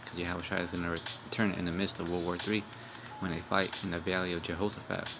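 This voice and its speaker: He talks fast, his low voice barely moving in pitch. A young street preacher gives a loose, rambling religious video sermon, cursing bluntly and capping lines with "man" and "all right," with music in the background.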